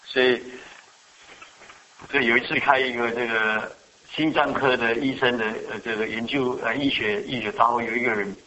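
Bright-voiced man preaching a sermon. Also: medium pitch, steady tone, normal speed, lo-fi sound. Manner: asks the congregation questions and answers them. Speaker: pastor.

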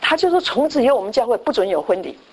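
A woman gives a sermon in a fairly high, breathy, husky voice. Her delivery is conversational: she tells a story, restarts her phrases and often checks in with her listeners. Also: very animated, very fast. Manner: conversational, with frequent restarts and tag questions. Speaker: preacher.

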